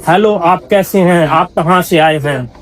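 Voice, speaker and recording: A young man vlogging casually from inside an indoor trade center, pitching gadgets with eager, salesman-like enthusiasm. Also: unhurried, music in the background. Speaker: travel vlogger. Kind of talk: casual promotional walkthrough.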